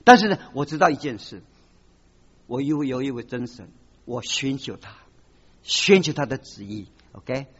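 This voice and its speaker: A man preaching a sermon with animated delivery, acting out short quoted voices and slipping in English words. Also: medium pitch, normal speed, long pauses, breathy edge, long reverb tail. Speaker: pastor. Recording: dull lo-fi recording.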